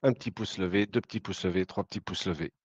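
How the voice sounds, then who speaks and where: A man hosting a webinar on a video call, casual and halting, with many fillers. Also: sits low, no echo. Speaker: webinar host. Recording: dull lo-fi call audio.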